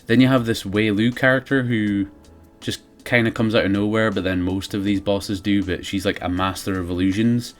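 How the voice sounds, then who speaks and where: Man, video game reviewer, casual sardonic comedy commentary, sweary, lowish pitch, music in background. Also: fairly even intonation, normal speed.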